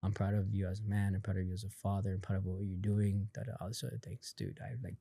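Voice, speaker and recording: A man guesting on a podcast, telling a personal story in a casual, animated way, acting out what others said, with lots of fillers. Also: deep voice, fast talker, vocal fry, slightly rough, no room sound. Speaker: podcast guest, company founder.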